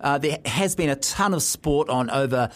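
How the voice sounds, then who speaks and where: A man's voice: medium pitch, animated, normal speed, fairly bright tone. A New Zealand man hosting a sports show, chatting casually and informally with a guest as with a mate. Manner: matey, informal. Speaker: radio sports show host. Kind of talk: casual interview chat.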